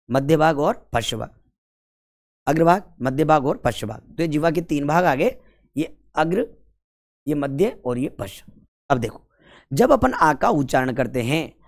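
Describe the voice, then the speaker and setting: A male Hindi grammar teacher giving an exam-prep lesson, who keeps asking questions and answering them himself and sounds out vowels slowly to show them. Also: a little high. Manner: quizzes listeners and answers his own questions.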